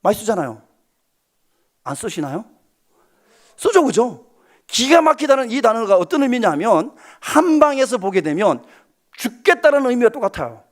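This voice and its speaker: Animated high-pitched male pastor preaching. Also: normal speed, long pauses. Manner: animated, asks the congregation questions, acts out quotes. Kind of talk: sermon.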